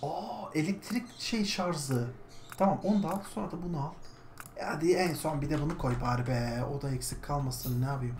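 A woman's voice: sits low, brisk, darkish tone. A woman streamer casually talking through her gameplay, chatty, now and then coaxing her pet bird. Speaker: gaming streamer. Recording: echoey room with background noise. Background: a bird squawking.

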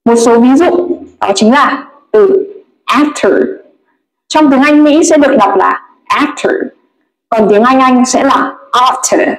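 A woman explains English vowels patiently and models each sound with care. Her voice is high and her pace is slow. The room around her is echoey. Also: animated. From Vietnam. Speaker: English pronunciation teacher. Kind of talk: recorded pronunciation lesson.

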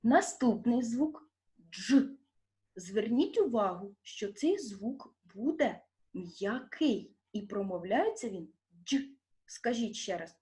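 A woman teaching a primary school lesson with a Ukrainian accent, asking young children questions and stretching out stressed syllables slowly and clearly. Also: medium pitch, big pitch swings, a little mellow.

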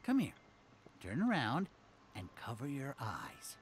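Lively talking teddy bear Teddy. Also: male voice, medium pitch, slow, slight background noise. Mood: friendly, playful. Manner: cheerful, childlike, coaxing. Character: friendly, playful talking teddy bear toy. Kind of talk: video game character acting.

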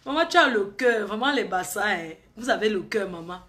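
A woman's voice: medium pitch, expressive, fairly quick, fairly bright tone. A woman, chatting and gossiping on a live stream, teasing and often laughing.

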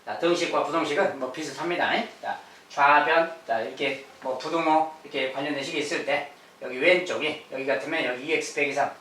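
A male math teacher giving a lecture. He fills his talk with short "ja" and "ye" and slowly repeats key phrases. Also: a little high, fairly bright tone, slight background noise. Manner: frequent "ja" and "ye" fillers. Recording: echoey room, mic at a distance.

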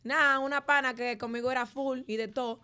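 A woman's voice: sits high, fairly even intonation, brisk, bright, forceful tone, clear, resonant tone. A woman tells a story in casual chat and repeats her phrases for emphasis.

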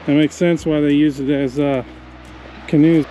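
A man's voice: on the high side, fairly even intonation, normal speed, mellow, highs cut off, a little hiss or hum. A man in his forties narrating casually while hiking a forest trail, musing aloud about the trees, recorded on an action camera outdoors. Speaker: hiking vlogger. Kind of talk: casual commentary on a hike. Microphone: action camera held or worn.

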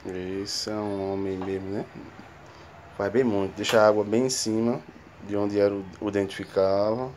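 A man's voice: fairly low pitch, fairly even intonation, moderate pace, a little mellow, a little hiss or hum. A young man from the northeast speaking as a father in a casual home video, patiently coaxing his child with step-by-step instructions. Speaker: father filming his son.

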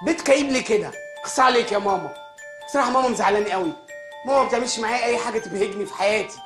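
A man's voice: high voice, fairly bright tone, faint music behind. A whiny spoiled Egyptian man. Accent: Egyptian Arabic. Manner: petulant, rapid, complaining. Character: spoiled grown man, childish, rude and whiny. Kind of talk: TV comedy series acting.

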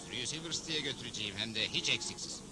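A man's voice: medium pitch, lively intonation, very fast, music in the background, natural voice. A man playing a confident, easygoing cowboy hero in a cartoon dub, polite and self-assured. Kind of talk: dubbed cartoon acting.

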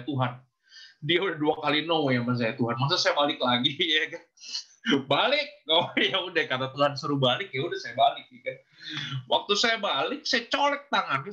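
A man's voice: sits high, lo-fi sound. A male pastor telling a story in a youth service sermon, acting out the quotes and often asking "ya kan?" to the listeners. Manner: animated storyteller, acts out quotes, asks "ya kan?".

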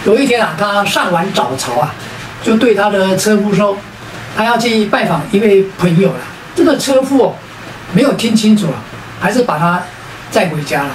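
A woman's voice: mid-range voice, animated, moderate pace, roomy sound, recorded from a distance, faint music behind. Taiwanese-accented woman telling jokes. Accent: Taiwanese Mandarin. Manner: sing-song, sentence-final particles. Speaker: joke teller. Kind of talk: storytelling comedy.

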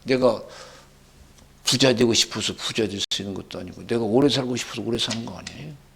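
A male pastor preaching a sermon, with sudden loud rising bursts and quoted dialogue. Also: mid-range voice, brisk, gravelly, husky.

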